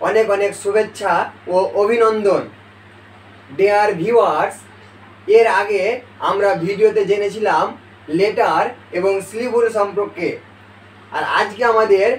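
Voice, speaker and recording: A man teaching an English pronunciation lesson to video viewers, speaking slowly and deliberately and calling them dear viewers and friends. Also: high voice. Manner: slow, deliberate explanation with pauses. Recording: echoey room, far from the mic, faint noise.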